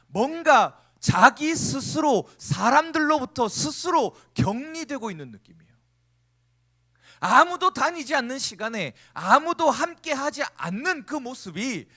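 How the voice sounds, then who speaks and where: Man, youth pastor, sermon, very high voice, lively up-and-down delivery, acts out quotes. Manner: animated, acts out quoted speech, playful asides.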